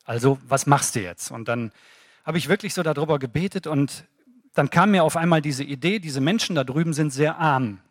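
A man's voice: fairly high pitch, fairly quick, dry recording, studio quality. A middle-aged man giving a personal faith testimony, telling his story casually and voicing his own thoughts as quotes.

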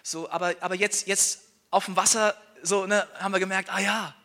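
Bright-voiced man preaching a sermon. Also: high-pitched, level tone, fairly quick. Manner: earnest, tag questions like "ja?"; restarts and repeated words. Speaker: pastor and church planter.

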